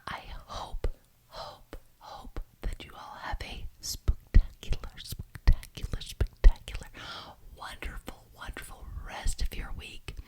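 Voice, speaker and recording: Using her natural voice, a woman plays a witch who leads a coven meeting in an ASMR roleplay, gracious and insistent but bossy. She keeps a deliberate pace and repeats words to drive them home.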